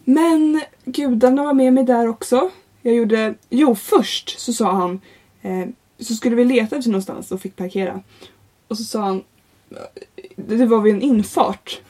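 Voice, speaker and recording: A young woman co-hosting a casual podcast, telling a funny story in an animated way, laughing and swearing freely. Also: fairly high pitch. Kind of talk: casual chat, comic storytelling.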